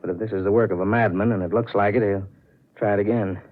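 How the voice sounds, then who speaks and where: A man playing a brisk, authoritative police inspector in a 1940s radio drama, clipped and businesslike. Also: on the low side, fairly even intonation, natural voice. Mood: urgent, decisive. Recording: narrow, muffled vintage radio recording.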